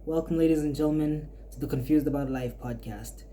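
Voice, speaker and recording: Low, dark-voiced young woman musing aloud. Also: a little fast, slight background noise. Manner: rambling and reflective, with frequent restarts. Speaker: podcast host and art student. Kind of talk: casual podcast monologue.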